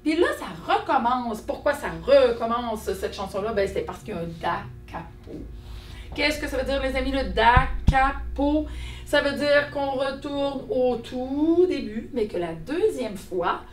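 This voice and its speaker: A woman's voice: high-pitched, unhurried, reverberant, recorded from a distance. A woman with a Québécois accent teaching an online music lesson to children, talking in a sing-song, encouraging way. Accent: Québécois French. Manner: animated, sing-song, addresses children warmly.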